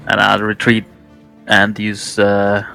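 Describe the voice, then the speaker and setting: A man playing a tabletop game, making joking quick asides. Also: lowish voice, monotone, vocal fry, pushed and bright, soft background music. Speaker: player. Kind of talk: casual tabletop game chat.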